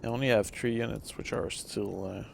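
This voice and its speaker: A man's voice: lowish voice, fairly even intonation, moderate pace, vocal fry. A man playing a co-op strategy game, chatting casually about how the fight is going. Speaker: co-op game player. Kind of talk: casual gameplay commentary and chat. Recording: faint game noise behind. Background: faint battle sounds from a game.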